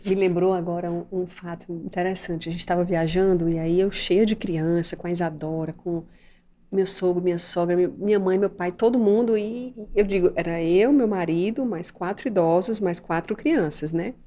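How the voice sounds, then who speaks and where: A woman's voice: lowish voice, moderate pace, warm tone. A middle-aged woman with a Brazilian accent, a doctor and mother hosting a podcast, who tells stories animatedly and acts out the scenes. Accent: Brazilian Portuguese. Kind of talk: casual podcast conversation.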